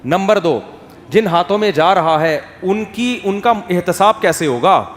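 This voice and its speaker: A man giving an Islamic sermon, swinging from emphatic questions to soft, quiet asides. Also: high voice. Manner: animated, rises to emphatic questions, drops to soft quotes. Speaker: Islamic scholar giving a talk. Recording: echoey hall with faint ambience.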